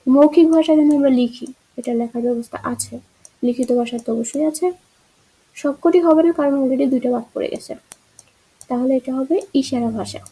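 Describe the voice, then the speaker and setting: Female teacher, high pitch, soft dark timbre, explains answers step by step. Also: fairly quick, husky, poor audio. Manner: explains answer choices, asks rhetorical checks. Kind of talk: exam-prep grammar lesson.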